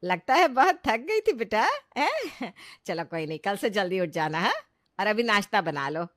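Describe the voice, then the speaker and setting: A woman's voice: mid-range voice, big pitch swings, normal speed, no room sound, voice pushed up, natural voice. A pushy middle-aged mother-in-law in a cartoon story, as a woman narrator puts her on, coaxing and insistent. Her voice swings up and down a lot. The recording is dry and close.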